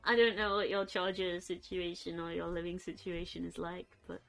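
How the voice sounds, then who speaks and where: A young woman chatting casually on a live stream from her bedroom, soft and rambling, cooing at her pets. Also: fairly low pitch, little pitch movement, normal speed, gravelly, faint music behind.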